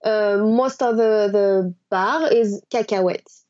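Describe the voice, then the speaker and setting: A woman's voice: mid-range voice, slow, darkish tone. Woman switching languages midsentence, muffled sound. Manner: switches between French and English midsentence. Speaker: language teacher translating phrases into French. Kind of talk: conversational language lesson.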